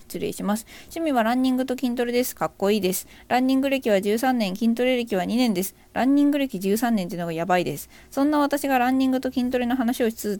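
This livestream host has a fairly high, darkish voice. Bubbly and self-deprecating, she welcomes listeners by name on her casual audio stream, reads out their comments and cracks jokes at her own expense.

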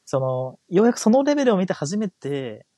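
A man's voice: high-pitched, big pitch swings, moderate pace, dark tone, no room sound, clean studio sound. A man around thirty co-hosting a casual podcast chat, answering with constant short backchannels and teasing remarks. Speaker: podcast co-host.

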